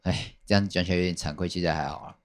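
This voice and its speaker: A man's voice: low voice, fairly even intonation, very fast. A man chatting casually on a podcast, rambling and repeating his phrases with many fillers. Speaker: podcast guest telling a work story.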